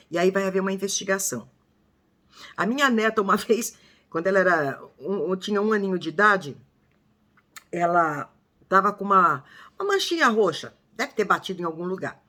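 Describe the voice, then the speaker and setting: A woman's voice: mid-range voice, animated, fairly quick, sharp tone. An older woman from Brazil talking casually to her viewers, acting out quoted speech with emphasis. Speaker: vlogger.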